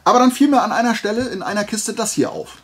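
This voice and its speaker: A fast-talking man with a high, somewhat bright, husky voice rambles casually to viewers about flea market finds. His style is playful and colloquial, full of little side tangents.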